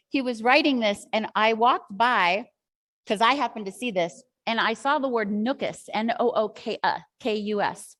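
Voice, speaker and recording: A woman teacher trainer giving a workshop talk to other teachers, telling a classroom story in a chatty, rambling way with many asides. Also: medium pitch.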